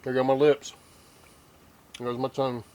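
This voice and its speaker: An older man, taste-testing a hot barbecue sauce on his cooking vlog, teary and sniffling from the heat, with slow, drawn-out hums and sighs. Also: mid-range voice, flat delivery, dark tone, highs cut off. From Texas. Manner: slow, drawn-out reactions to spicy food with many hums and sighs. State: teary, nose running from the heat. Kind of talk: casual taste-test reaction.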